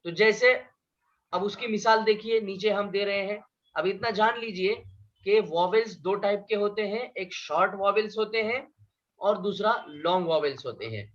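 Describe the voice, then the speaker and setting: A man with a high voice teaches a beginners' lesson, going over each point patiently and more than once. He often puts questions to his class and answers them himself. The recording is dull and lo-fi. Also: a bit bright. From India. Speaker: Arabic teacher.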